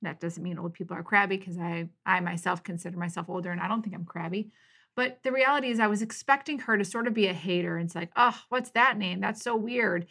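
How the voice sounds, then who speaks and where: A woman's voice: lowish voice, fast talker. A middle-aged woman hosting her own podcast, talking through a personal story in an encouraging, storytelling way. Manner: warm, encouraging, storytelling with lively quoted voices. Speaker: podcast host. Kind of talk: casual solo podcast monologue.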